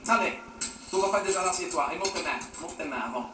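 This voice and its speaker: A man's voice: sits high, animated, quick pace, pushed and bright, faint music behind. A man playing an exasperated, nagging father who scolds his teenage daughter sarcastically in a stand-up sketch, repeating "hein" over and over. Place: theatre stage. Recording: roomy stage sound from far off, faint noise.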